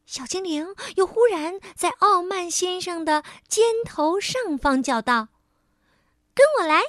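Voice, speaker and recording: Gentle woman reading a bedtime story. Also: very high voice, animated, measured pace, no echo, clean studio sound. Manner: gentle, addresses the child as baby. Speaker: children's storyteller.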